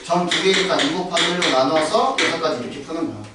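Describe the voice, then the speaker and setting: Guy math teacher quizzing his class, kinda high voice, far from the mic, loud noise around. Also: fast talker. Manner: questioning, coaxing students. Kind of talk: classroom lesson. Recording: far-off echoey noisy classroom.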